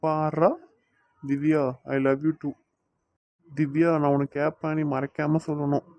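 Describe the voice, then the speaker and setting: A man's voice: on the high side, completely flat delivery, slow pace, no room sound, lo-fi sound. A man voicing a teasing but doting young man in a cartoon, speaking with a Tirunelveli Tamil accent. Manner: teasing, coaxing, playfully scolding. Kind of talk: cartoon voice acting.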